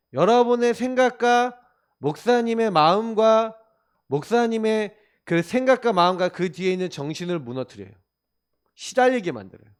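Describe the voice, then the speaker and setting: Male pastor, sermon, high and very lively pitch, emphatic rhetorical questions. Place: church.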